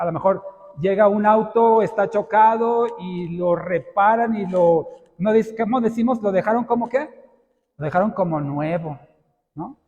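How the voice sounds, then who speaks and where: A man preaches from the pulpit with a high voice. He explains slowly and puts questions to the congregation. His voice rings with the long reverb of a church sanctuary. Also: a little mellow. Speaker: pastor. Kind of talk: sermon.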